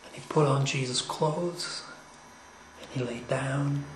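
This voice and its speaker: Male storyteller, relaxed and chatty with lots of asides; roomy echoey room. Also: medium pitch, slow pace, background noise. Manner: loose and conversational, with frequent "you know" and "like" asides. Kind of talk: casual spoken storytelling.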